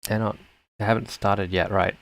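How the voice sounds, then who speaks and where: A man's voice: on the low side, steady tone, moderate pace, creaky, a bit bright, no room sound, rough recording. A man co-commentating a fighting-game tournament in a laid-back, slangy way. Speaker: esports commentator. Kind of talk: casual co-commentary.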